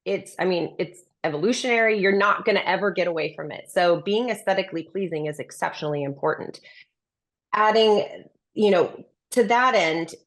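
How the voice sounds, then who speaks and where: A woman speaking as a dating coach in a conversational interview, explaining things and giving opinionated advice. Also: medium pitch. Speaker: dating and relationship coach, menswear stylist.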